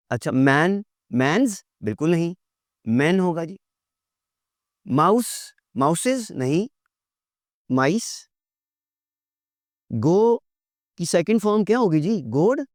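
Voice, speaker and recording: A man teaching a lecture, asking rhetorical questions and answering them himself, spelling words out slowly letter by letter. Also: a little high, darkish tone, no echo, studio quality.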